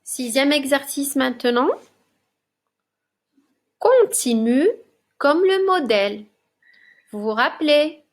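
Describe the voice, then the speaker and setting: A woman teaching young children a spelling lesson, reading words slowly and clearly and encouraging the class. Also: high voice. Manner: slow, clearly articulated, encouraging. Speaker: primary school teacher. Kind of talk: slow, deliberate classroom dictation. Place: classroom recording for remote lesson.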